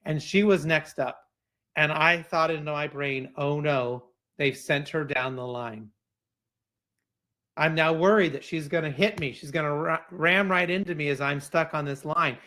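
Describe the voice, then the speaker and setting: A man giving a keynote talk to an audience, telling a personal story in a lively way with some fillers and restarts. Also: on the high side, moderate pace. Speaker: keynote speaker.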